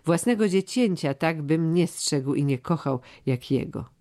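A man's voice: on the high side, expressive, a little slow, a little mellow. A man reading the part of an aging, loyal steward who speaks in a solemn, earnest, old-fashioned way. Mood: grave, earnest. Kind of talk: audiobook character reading.

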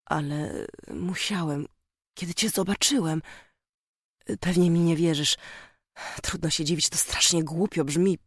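Shy dreamy young man, hesitant, soft-spoken, dry studio read; narrator's own voice. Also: medium pitch, steady tone, unhurried, pauses often, breathy edge, dry recording. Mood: shy, apologetic.

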